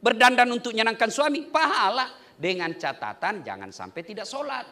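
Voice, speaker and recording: Lively high-voiced male preacher. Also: moderate pace. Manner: animated, joking, rhetorical questions. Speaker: Islamic preacher. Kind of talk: humorous wedding sermon to a live audience.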